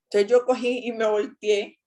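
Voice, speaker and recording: A woman giving a casual faith talk, chatty and animated as she tells an anecdote. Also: fairly high pitch, normal speed.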